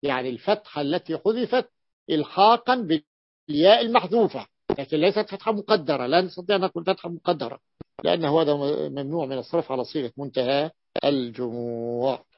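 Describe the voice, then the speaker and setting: A man's voice: on the high side, quick pace, no room sound. A male sheikh teaching a grammar lesson to students, repeating and drawing out words to stress them. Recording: dull lo-fi dry recording.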